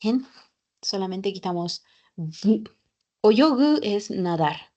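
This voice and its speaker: A woman teaching a Japanese class, patient and repeating each example slowly. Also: mid-range voice, lively intonation, darkish tone, dull audio. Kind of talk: online class lesson.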